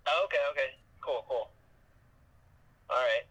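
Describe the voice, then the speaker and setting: A man's voice comes through a phone set to speakerphone as he calls a friend. He keeps it casual and easygoing, answering in short, relaxed bits. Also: mid-range voice, a little slow, highs cut off. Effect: heard over a phone on speakerphone.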